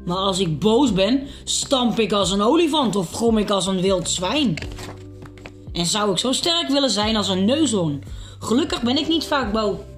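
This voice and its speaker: A woman reading a picture book aloud, voicing a playful young child in a lively, slightly raised voice. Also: medium pitch, unhurried, faint music behind, close to an everyday voice. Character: playful young child comparing himself to animals.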